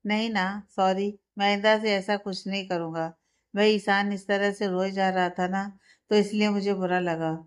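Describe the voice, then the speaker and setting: A woman voicing a young husband who scolds his wife sharply, with a smooth, clear voice. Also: mid-range voice, level tone, moderate pace, close to an everyday voice. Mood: apologetic. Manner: sharp, reproachful.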